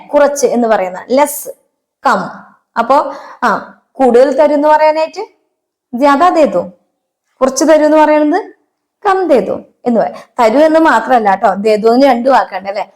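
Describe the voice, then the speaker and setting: A woman with a fairly high voice, giving an online Hindi lesson. She is patient, explains step by step, and keeps checking that her students follow. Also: darkish tone. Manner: patient, checks understanding often. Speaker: Hindi teacher.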